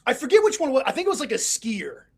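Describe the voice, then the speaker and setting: Animated middle-aged man, chatty co-host. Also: very high-pitched, racing, gravelly, slightly rough. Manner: animated storyteller, acts out quotes. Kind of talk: casual chat.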